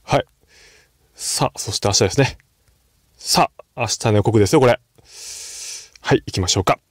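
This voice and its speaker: A man's voice: medium pitch, moderate pace, no room sound, clean studio sound. A man with a Kansai accent, hosting casual horse-racing betting commentary in a rambling, self-deprecating way. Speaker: host.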